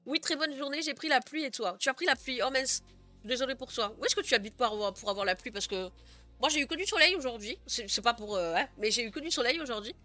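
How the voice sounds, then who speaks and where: A young woman chats loosely with her stream audience, laughing easily and stumbling through fillers as she goes. Her voice sits a little high and rings bright and forward. Faint music plays quietly underneath. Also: lively intonation, a little fast. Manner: chatty, giggly, many fillers. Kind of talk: casual live stream chat.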